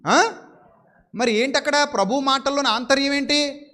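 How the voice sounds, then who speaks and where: A man with a notably high voice delivers a sermon as a preacher. He keeps asking his listeners rhetorical questions. He drags out key scripture phrases slowly for emphasis. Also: bright, forceful tone. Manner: slows down sharply to stress scripture phrases.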